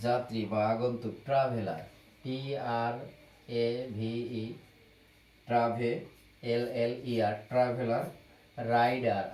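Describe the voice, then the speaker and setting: A man teaching vocabulary at a very unhurried pace, spelling out words letter by letter and saying each one again and again. His voice sits in a middle register. The room rings with echo, and a faint hiss of background noise runs underneath. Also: medium pitch, a little mellow. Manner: slow, patient, repeats each word several times.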